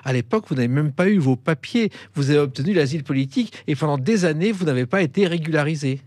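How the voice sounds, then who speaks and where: A man interviewing a guest, asking direct, brisk questions. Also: fairly high pitch, lively intonation, a little mellow, dry recording, clean studio sound. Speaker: interviewer, host. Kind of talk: broadcast interview.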